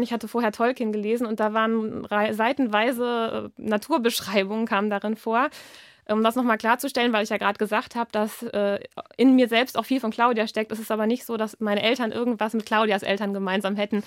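A woman's voice: fairly high pitch, a little fast, no room sound, studio quality. A woman author in a radio interview who reads her novel expressively and answers questions with some hesitant fillers. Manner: expressive storybook reading, hesitant with fillers in chat.

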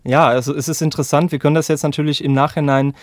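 A man's voice: fairly high pitch, steady tone, very fast, no echo. A man hosting a conversation, talking casually with fillers and tag questions. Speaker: host. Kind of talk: casual chat.

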